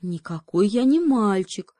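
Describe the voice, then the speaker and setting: A woman voicing a lost little female conscience in a storybook, gentle and puzzled, explaining herself patiently. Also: mid-range voice, animated, measured pace, dry recording, clean studio sound. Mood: earnest.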